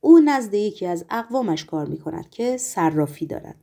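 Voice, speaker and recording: A woman voicing a calm, deferential male secret-police chief who speaks quietly and courteously. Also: medium pitch, vocal fry.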